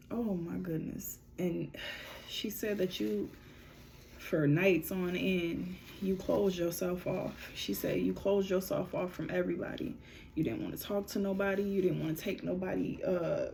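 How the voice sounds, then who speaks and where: Woman medium with a low, gravelly voice, passing on messages informally, one "she said" after another. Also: a little mellow, a little hiss or hum. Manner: relays messages with repeated "she said", conversational and informal. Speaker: spiritual medium giving readings. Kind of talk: casual channeling monologue.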